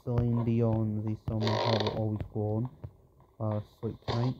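A man's voice: fairly low pitch, completely flat delivery, normal speed, dull audio, heavy background noise. A man giving let's play commentary, rambling and pleading with the game character as he plays. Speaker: gamer.

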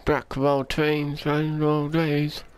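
A man's voice: a little high, monotone, slow pace. A man bantering offhandedly in casual gameplay chat with friends. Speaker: party chat player.

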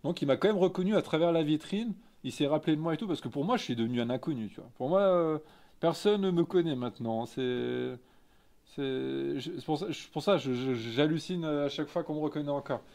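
Animated and fairly quick, this man's slightly high voice is creaky with a darkish tone. In his thirties and from Lorraine, he speaks with an eastern French accent, using informal slang as he casually and candidly reads and responds to live chat on a stream from a small photo studio office.

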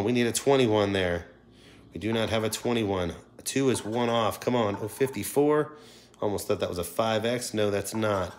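A man's voice: lowish voice, a little mellow, a little hiss or hum. A middle-aged man giving casual, chatty livestream commentary to his viewers. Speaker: livestream host scratching lottery tickets. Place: indoors at a wooden table.

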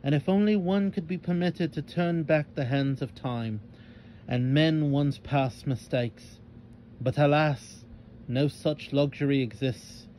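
A mysterious ghostly old man, put on by a male storyteller, speaks in solemn, archaic phrases. His voice stays mellow and unhurried, heavy with regret. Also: a little high, a little hiss or hum, pitched above the performer's own voice. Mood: brooding.

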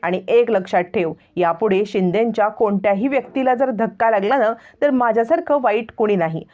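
A woman's voice: mid-range voice, brisk, mellow, natural voice. A woman voicing a determined young wife who scolds and warns firmly, on a lo-fi recording. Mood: angry. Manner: scolding, warning.

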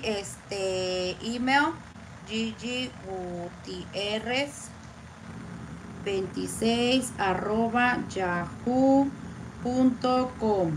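A woman vlogger holding a giveaway raffle, chatting casually and slowly drawing out each name she reads. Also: on the high side, background noise. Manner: slow, chatty, drawn-out name reading. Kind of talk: casual live raffle chat.

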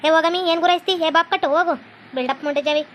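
Woman doing a cartoon mother-in-law, North Karnataka accent, very high, rattles off scolding fast, faint noise behind. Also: steady tone. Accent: North Karnataka Kannada. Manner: scolding, rapid-fire bossy. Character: bossy scolding mother-in-law, middle-aged. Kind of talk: cartoon comedy voice acting.

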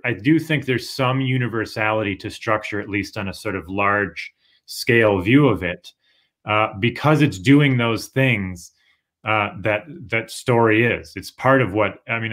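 A young man works as a writing instructor co-teaching an online workshop, calling in by webcam from a room at home. He explains patiently with hedges like "sort of" and "kind of," in a voice on the low side that is a bit bright and measured in pace.

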